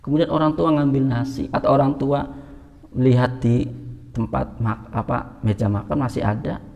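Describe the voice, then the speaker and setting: A man preaching a religious lesson, asking questions and answering them himself, his pitch jumping up for emphasis. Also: fairly even intonation, moderate pace, vocal fry, darkish tone, lo-fi sound. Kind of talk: religious teaching. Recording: long reverb in a hall.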